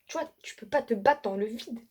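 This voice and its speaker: Animated young woman telling a story. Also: on the high side, brisk, breathy edge. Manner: animated, slangy storytelling with many fillers and restarts. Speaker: vlogger giving a faith testimony. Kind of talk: casual spoken testimony to camera.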